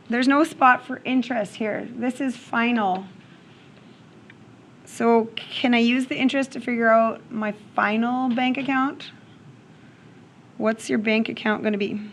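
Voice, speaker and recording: A fairly high-pitched woman teaching a math lesson to a room of students. She talks through each step aloud and keeps checking in with the class. A faint hum of ambient noise sits under her voice. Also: fairly even intonation, slow pace, pauses often, a bit bright. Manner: checks in with questions, frequent "okay?".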